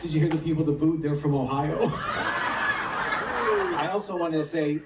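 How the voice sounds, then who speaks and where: A man's voice: fairly high pitch, steady tone, normal speed, heavy background noise. A man from Michigan, a cruise director emceeing on stage and playfully working the audience. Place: ship's theater stage with audience. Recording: distant echoey hall, loud crowd.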